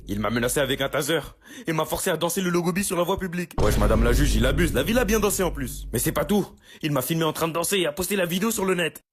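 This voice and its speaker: A young man doing comedy sketches in rapid, cocky street slang. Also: a little high, expressive, a little hiss or hum. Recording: music bed behind.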